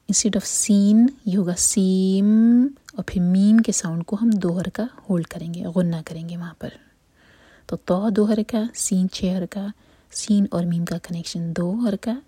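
Softly whispering woman teacher, breathy. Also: lowish voice, no room sound. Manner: whispers throughout, slow and methodical; mixes English terms into explanations. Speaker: Quran recitation teacher. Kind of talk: whispered tutorial.

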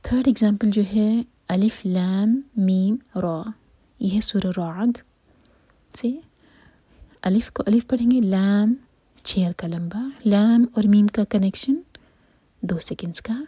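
A woman teaching Quran recitation in a steady whisper, explaining each step slowly and methodically and mixing English terms into her explanations. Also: medium pitch, breathy edge, no echo. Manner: whispers throughout, slow and methodical. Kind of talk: whispered tutorial.

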